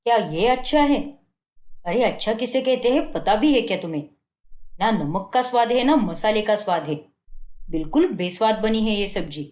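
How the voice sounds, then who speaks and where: A woman's voice: medium pitch, animated, moderate pace, darkish tone, close to an everyday voice. Scornful young husband, voiced by a woman. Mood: scolding. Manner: scolding, belittling. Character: fault-finding young husband, harsh and scornful. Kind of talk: cartoon story voice acting. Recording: echoey room.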